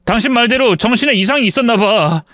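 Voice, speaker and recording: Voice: medium pitch, lively intonation, quick pace, fairly bright tone, no echo, studio quality, voice pushed up, close to an everyday voice. A man reading the part of a greedy husband who demands money and later stammers apologies. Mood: groveling.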